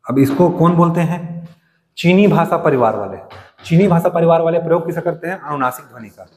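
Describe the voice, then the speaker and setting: A man's voice: on the high side, fairly quick, a little mellow. Man teaching, asking and answering himself. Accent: Chhattisgarh Hindi. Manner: explains step by step, asks questions and answers them himself. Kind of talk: classroom lecture. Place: coaching classroom. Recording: long reverb.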